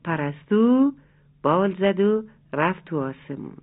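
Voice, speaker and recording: A gentle bedtime storyteller reading a farmyard tale to children, soft and tender in manner. The voice sits at a middling pitch, and the audio is narrow and phone-like. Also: lively intonation. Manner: soft, tender, addresses listeners as dear ones. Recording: tinny phone-like lo-fi sound.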